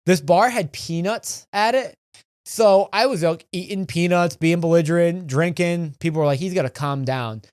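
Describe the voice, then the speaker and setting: A man's voice: sits high, moderate pace, smooth, no room sound, clean studio sound. Profane rambling young man telling stories. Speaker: podcast co-host. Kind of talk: casual storytelling chat.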